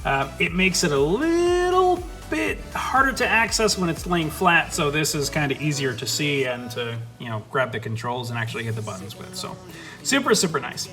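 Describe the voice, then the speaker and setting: A man's voice: fairly high pitch, big pitch swings, moderate pace, pushed and bright, faint music behind. Upbeat young man touring his desk. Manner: enthusiastic, swears casually, rambling. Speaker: streamer showing his setup. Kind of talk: casual gear tour. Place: home streaming desk. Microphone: studio USB/XLR dynamic mic.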